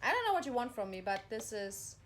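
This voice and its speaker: A woman's voice: a little high, sing-song, fast talker, slight background noise. A woman ranting in exasperation as she reads instructions aloud, repeating herself. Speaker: vlogger. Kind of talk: frustrated vlog monologue reading instructions aloud.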